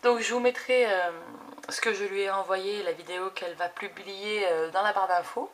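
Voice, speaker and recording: A woman in her thirties chatting casually at her home craft desk, enthusiastic and full of fillers as she unboxes gifts, recorded on a camera set low on the desk. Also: steady tone, normal speed. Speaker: craft YouTuber. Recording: audible background noise.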